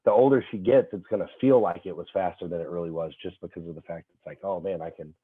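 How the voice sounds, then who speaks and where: Young guy chatting on a video call, kinda low voice, sounds tinny like a phone, keeps restarting mid-sentence. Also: quick pace, slight background noise. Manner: animated storyteller, many fillers and restarts. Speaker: guest, fitness trainer. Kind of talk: casual chat.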